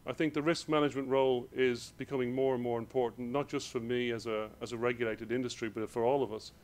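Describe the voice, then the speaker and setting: A man with an Irish accent, giving a hurried conference presentation in a hall. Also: mid-range voice, steady tone, darkish tone. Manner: rushed, hurried delivery. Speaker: conference speaker.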